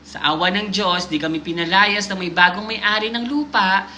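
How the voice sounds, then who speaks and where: A woman's voice: mid-range voice, moderate pace, bright, forceful tone, highs cut off, a little hiss or hum. A woman hosting a live stream, reading a viewer's submitted story aloud and breaking off to joke and comment on it. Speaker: livestream host reading viewer stories.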